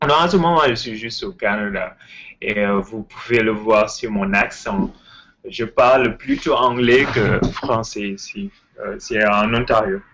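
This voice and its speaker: Male host, English-tinged French accent, unhurried, hesitant and eager, lower voice. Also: a bit bright, slight background noise, poor audio. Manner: hesitant, many fillers and repeats; enthusiastic. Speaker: history channel host. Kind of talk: casual spoken lecture. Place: Ontario, Canada.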